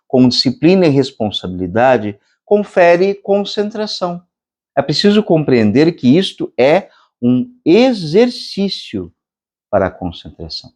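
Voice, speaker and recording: A Brazilian man teaches meditation in a slow, measured lecture. His pitch swings widely from phrase to phrase, lifting and dropping as he explains. Now and then he chants long, drawn-out vowels. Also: a little mellow. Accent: Brazilian Portuguese. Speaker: meditation instructor. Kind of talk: spiritual lecture.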